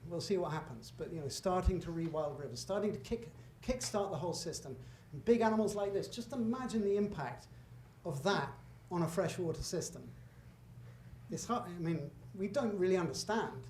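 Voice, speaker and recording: With a high-pitched, slightly mellow voice, a middle-aged man from Britain presents a slide lecture to the public as a guest speaker in a lecture hall. He talks conversationally and emphatically, adding asides and correcting himself, amid echo and faint room noise.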